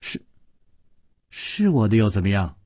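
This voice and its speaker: A man voicing a proud, sharp-tongued young princess who teases and snaps. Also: on the low side, very animated, no echo, clean studio sound. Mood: indignant. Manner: teasing, petulant, quick to anger.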